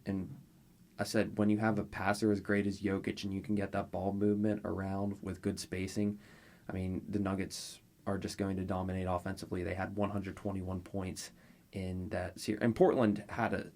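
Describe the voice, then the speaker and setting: A man talking as a guest basketball analyst, measured and detailed. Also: sits low, flat delivery, creaky, a little mellow. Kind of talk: sports analysis chat.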